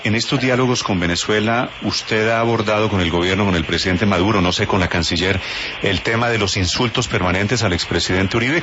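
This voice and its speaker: A man hosting a radio interview puts direct, pointed questions to his guest. His voice is low, and the sound comes through muffled, with a clear hiss underneath.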